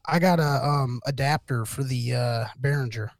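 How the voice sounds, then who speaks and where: A man's voice: mid-range voice, normal speed, no echo. A man co-hosting a casual podcast, telling a long rambling anecdote with lots of swearing and quoted back-and-forth. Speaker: podcast co-host. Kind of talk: casual chat, storytelling.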